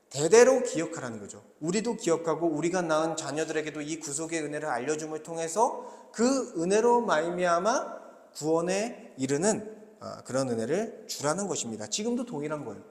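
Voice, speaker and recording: A man preaches as pastor, earnest and steady, posing questions and answering them himself. His voice sits a bit high for a man. The sound rings through a roomy church hall with a long echo. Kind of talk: sermon. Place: church sanctuary.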